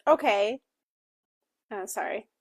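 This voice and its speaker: Co-hosting a laid-back book club chat, this woman talks in an expressive, chatty manner full of fillers and also voices interpreted signing. She has a husky, mid-range voice, speaks slowly, and there's no room sound.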